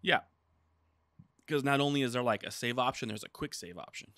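Talking briskly in a medium pitch, a man in his thirties co-hosts a gaming podcast and drifts through a casual chat loaded with "like" fillers and lively retellings. A boom-arm desk mic captures him in a small studio with a dark curtain backdrop, with no room sound.

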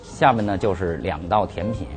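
Male chef, very low voice, matter-of-fact explainer with music bed. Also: moderate pace. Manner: plain, matter-of-fact with filler "啊". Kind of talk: explaining dishes.

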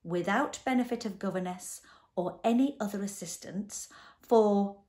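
A woman voicing a pompous, blustering middle-aged male doctor in a storybook reading, declaiming slowly. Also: mid-range voice, dark tone, natural voice.

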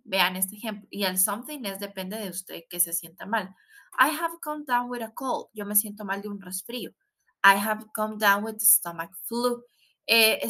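Bright-voiced woman teaching English. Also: fairly high pitch. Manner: explains in Spanish, models English words slowly, adds tag questions. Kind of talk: recorded online language lesson.

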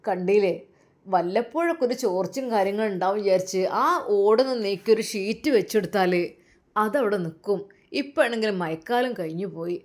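A woman doing a calm elderly father. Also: sits high, brisk, natural voice. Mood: content. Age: older. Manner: calm, soothing.

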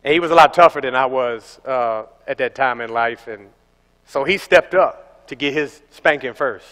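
A young man preaching a sermon as pastor, animated and telling stories with acted-out voices. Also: mid-range voice, moderate pace. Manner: animated storytelling, acting out voices. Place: large church hall. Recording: echoey church hall.

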